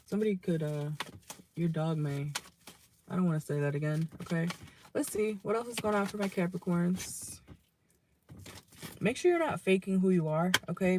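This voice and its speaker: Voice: mid-range voice, a little mellow, a little hiss or hum. A young adult tarot reader giving a casual reading from a parked car, chatty and loose, swearing now and then and tagging nearly every line with "okay?".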